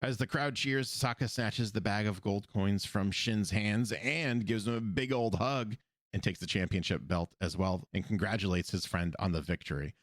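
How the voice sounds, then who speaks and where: A man with a very low voice talks through an animated episode in loose, chatty fashion, laughing along with his co-host. The sound is close and dry, with no room around it. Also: normal speed, no echo. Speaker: podcast co-host. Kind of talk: casual episode recap chat. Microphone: podcast microphone.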